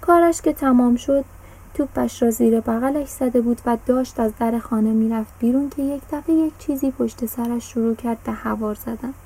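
A woman reads a children's story aloud in measured, storytelling fashion. Her voice is fairly high yet warm and mellow, with a soft husky grain. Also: low-quality recording. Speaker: narrator.

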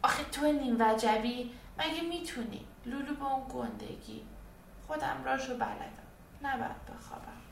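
A woman's voice: high voice, creaky, slight background noise, voice pushed up. A woman voicing a young girl who is afraid of bedtime in a storybook reading, speaking in a pleading, evasive way. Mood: fearful. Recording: echoey room, distant, faint music.

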